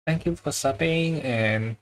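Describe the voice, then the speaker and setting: A Chinese man with a fairly high, unhurried voice chats casually with viewers while drawing on a livestream. He often gropes for words and chuckles along the way.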